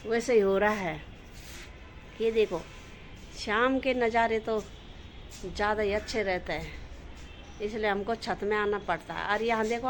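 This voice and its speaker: A middle-aged woman talks her viewers through her day at home, chatty and unhurried. Her voice sits a little high, and when her dog misbehaves she turns to loud, sharp scolding. A faint hiss of noise runs under the recording. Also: low-quality recording. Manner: chatty, addresses viewers as friends. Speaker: vlogger. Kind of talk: casual home vlog chat. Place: home kitchen and rooftop.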